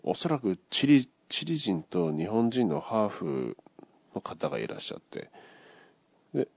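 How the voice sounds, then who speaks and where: Gravelly low-voiced man recounting a dream. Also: wildly swooping pitch, unhurried, darkish tone, no room sound. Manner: acts out the voices of people in the story. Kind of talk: casual retelling of a dream. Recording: dull lo-fi dry recording.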